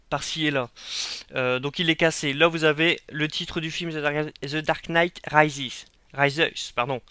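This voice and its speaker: A young Frenchman, a collector reviewing a limited edition, gives a frank, critical unboxing review in a slightly high, bright, forceful, smooth voice. He repeats himself, with plenty of fillers and hesitations. There's no echo.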